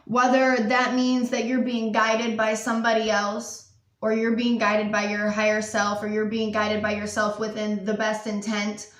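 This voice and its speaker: A woman's voice: mid-range voice, monotone, normal speed, fairly bright tone, echoey room, recorded from a distance. A woman giving a pick-a-card tarot reading, earnest and emotional, full of "um" and "like" as she talks. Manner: emotional, earnest, frequent fillers and "like". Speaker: tarot reader.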